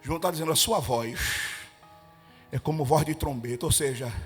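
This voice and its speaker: A male evangelist from Brazil with a Pernambuco accent, preaching a Pentecostal sermon at a prayer meeting. He shouts and chants commands and breaks into speaking in tongues. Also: fairly high pitch, moderate pace, husky, faint music behind. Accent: Pernambuco Portuguese.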